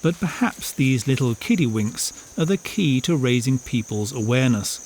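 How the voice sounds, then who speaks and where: A man's voice: medium pitch, animated, moderate pace, darkish tone, slight background noise. A man reading scripted narration as the narrator of a nature documentary. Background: music.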